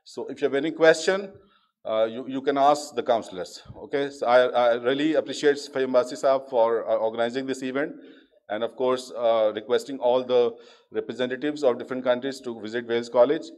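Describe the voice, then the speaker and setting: A man's voice: medium pitch, steady tone, fairly quick, a little mellow. A man speaking as a college official at an event, conversational with fillers and "okay?" checks to the audience. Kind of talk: informal event speech. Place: hall with audience, at a podium. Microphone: podium microphone.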